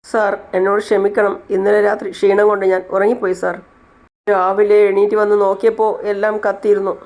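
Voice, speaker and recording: A man's voice: sits high, little pitch movement, a little fast, a little mellow. A woman voicing a panicked male night watchman who wails frantically. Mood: pleading. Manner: wailing, frantic.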